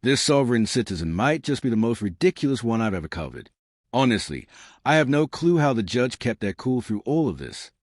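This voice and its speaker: Animated man doing mocking commentary. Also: mid-range voice, brisk, no echo, studio quality. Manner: mocking, hyped-up, emphatic. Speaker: host of a reaction channel. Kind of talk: scripted video commentary.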